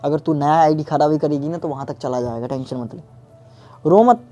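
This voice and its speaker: A man's voice: a little high, steady tone, fast talker, mellow, dull audio. A young man vlogging in casual chat, pleading and consoling, often repeating himself. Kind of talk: casual prank vlog chat.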